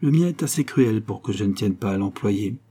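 A man's voice: on the low side, expressive, warm tone, breathy edge. A man reading as a firm, earnest noble mother. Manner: measured, earnest persuasion. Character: devoted aristocratic mother, middle-aged woman, calm and firm.

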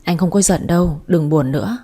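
A woman's voice: lowish voice, fairly quick, mellow, breathy edge. A woman voicing a stern, gullible middle-aged father who speaks bluntly in a storybook reading.

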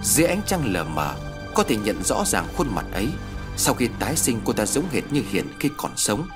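A man's voice: on the low side, very animated, moderate pace, over music. A man narrating a horror story in a scripted, dramatic storytelling style.

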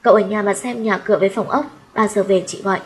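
A woman's voice: mid-range voice, fairly even intonation, fast, close to an everyday voice. A woman voicing a blunt older sister who runs a guesthouse, in an audiobook reading. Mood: businesslike.

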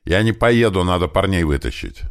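A man's voice: sits low, very animated, a little fast, no echo, clean studio sound, voice pushed up. A man reading an audiobook, voicing a wounded young male driver who sounds agitated and pleading.

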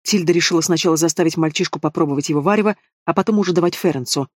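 A man narrating a fantasy audiobook with a steady, expressive reading. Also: a little high, rapid-fire, dry recording, studio quality. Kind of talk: scripted narration.

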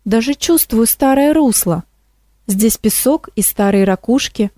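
A woman's voice: a little high, expressive, unhurried, mellow, dry recording, clean studio sound. A woman voicing a wary, muttering female stream who murmurs and hesitates, in a storybook reading.

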